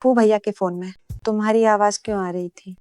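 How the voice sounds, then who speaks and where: A woman's voice: mid-range voice, fairly even intonation, brisk, a little mellow, clean tone, no echo, natural voice. A woman voicing a jealous, possessive young woman in a dubbed drama, demanding answers in an accusing way.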